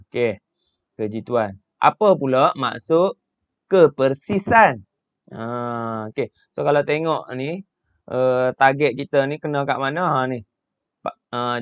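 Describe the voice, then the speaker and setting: A man's voice: medium pitch, smooth, no echo, phone-quality sound. A man with a Malaysian accent, a secondary school science teacher narrating a slide lesson step by step, often saying "ha" and "okay" and asking his class questions. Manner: explains step by step, many "ha" and "okay" fillers, asks the class questions.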